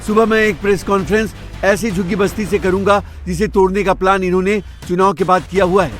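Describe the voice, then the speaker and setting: A man's voice: high voice, steady tone, fairly quick, soft background music. A man reading scripted news narration.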